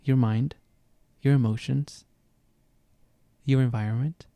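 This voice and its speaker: Talking alone about astrology on a casual podcast, a native Spanish-speaking host with a Venezuelan accent reflects and often reaches for words. His medium-pitched voice is gravelly and dark, in a dry recording.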